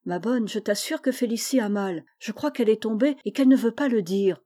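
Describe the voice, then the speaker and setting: Brief: sweet worried little sister, soft and mellow, read by a woman. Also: on the high side, brisk, no room sound, studio quality, lightly acted. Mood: concerned. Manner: soft, concerned. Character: gentle, kind little girl, younger sister.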